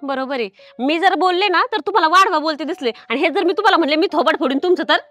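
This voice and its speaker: A woman playing a shrill, nagging wife. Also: fast, a bit bright, faint music behind. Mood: accusing. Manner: reproachful, nagging questions. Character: hurt, accusing village wife in her prime. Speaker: suspicious wife. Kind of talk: comedy film acting.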